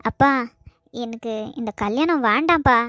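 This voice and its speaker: A woman voicing a gentle, dutiful young woman in a cartoon, speaking softly and meekly. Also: high-pitched, normal speed, no echo, clean studio sound. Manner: soft, meek.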